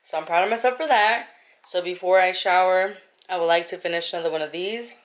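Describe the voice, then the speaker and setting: A woman's voice: lowish voice, a little fast. A young woman vlogging in a chatty, rambling way, full of fillers and asides, talking to a camera she holds close. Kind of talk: casual chat. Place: in a car, then at home. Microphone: camera held close.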